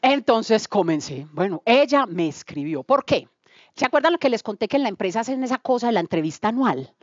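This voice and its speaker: A woman's voice: fairly high pitch, big pitch swings, brisk, dry recording, highs cut off. A woman with a Colombian accent giving a spoken testimony to a church group, telling her story with relish and acting out the dialogue. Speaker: testimony speaker.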